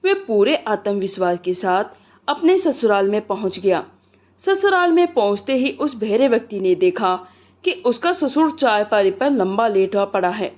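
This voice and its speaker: A woman's voice: medium pitch, very animated, moderate pace, darkish tone. Woman narrating a comic folk tale. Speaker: storyteller.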